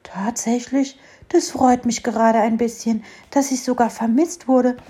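A woman voicing a shy, gentle blind male mole in a storybook reading, talking softly and wistfully. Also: a little high, fairly even intonation, measured pace, voice pushed up, lightly acted.

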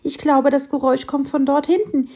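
A woman voicing a small, kind fir tree that speaks gently and with concern. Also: sits high, steady tone, fairly quick, voice pushed up. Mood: gentle. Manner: gentle, worried questions.

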